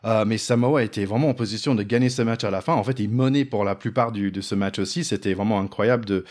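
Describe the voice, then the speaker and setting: A man's voice: lowish voice, fast talker, darkish tone. Chatty man hosting a podcast. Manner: chatty, fills with "en fait", laughs easily. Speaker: podcast host. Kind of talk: casual podcast chat.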